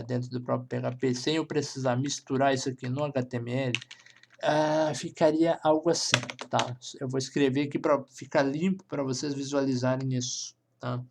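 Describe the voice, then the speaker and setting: A man's voice: mid-range voice, creaky, a little mellow. A man with a Brazilian Portuguese accent teaching a programming lesson, thinking aloud as he types and checking in with listeners after each step. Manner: thinks aloud while typing, with frequent checking "tá?". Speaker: programming instructor. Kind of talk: screencast coding lesson.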